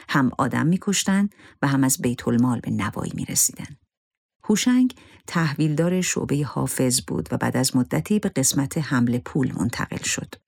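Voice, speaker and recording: A storyteller reads in a grave, measured way, with a gravelly, husky voice. The recording is close and dry, with no room sound at all. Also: medium pitch, darkish tone, no echo. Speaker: narrator. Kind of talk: dramatic story narration.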